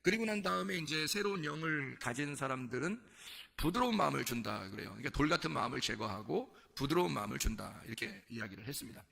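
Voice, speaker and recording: A man's voice: medium pitch, expressive, quick pace, gravelly, pushed and bright. A man preaching a sermon, asking his congregation questions and acting out quoted lines. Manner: asks the congregation questions and acts out quoted speech. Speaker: pastor.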